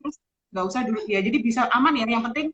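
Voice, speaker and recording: Female live-stream host. Slightly high pitch, speech filtered through a face mask, courteous and conversational. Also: racing, dull audio, a crowd in the background. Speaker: host, doctor. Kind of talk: live-stream interview hosting. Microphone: speaking through a face mask on a live video call.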